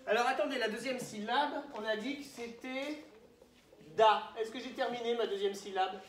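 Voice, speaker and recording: A woman's voice: fairly high pitch, moderate pace. A woman teacher leading a class of young children, asking them questions and encouraging them. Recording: echoey classroom, from far off.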